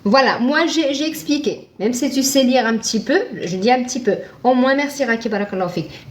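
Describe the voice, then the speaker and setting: A woman with a slightly high voice explains Arabic lessons in a relaxed live-stream. She talks to her viewers directly, thanks them by name and answers the questions she asks herself. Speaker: Arabic teacher.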